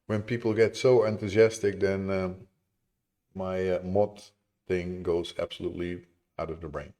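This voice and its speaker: Male streamer, lowish voice, unhurried, chatty and apologetic with chat. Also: level tone, warm tone. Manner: chatty, apologetic, easily amused. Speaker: game dev streamer. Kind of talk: casual live-stream chat with viewers.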